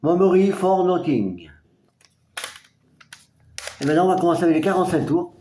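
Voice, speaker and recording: A man from France casually presenting his record collection, halting and hesitant, with many fillers. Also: sits high, expressive, mellow, reverberant. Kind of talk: casual collection show-and-tell.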